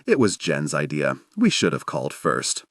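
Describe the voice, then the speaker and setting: An awkward, sheepish man who keeps apologizing, read by a male narrator. His voice is fairly low and dry, hesitant but with lively pitch, in a close, dead recording. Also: normal speed, breathy edge, no echo, exaggerated voice. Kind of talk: audiobook character voice.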